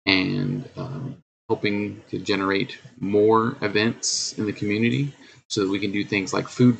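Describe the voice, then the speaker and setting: A man's voice: on the low side, creaky, fairly bright tone, slight background noise, low-quality recording. A middle-aged man hosting his own live stream in casual chat, humming and scatting to fill the waits. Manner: chatty, hums and scats while waiting. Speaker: streamer host.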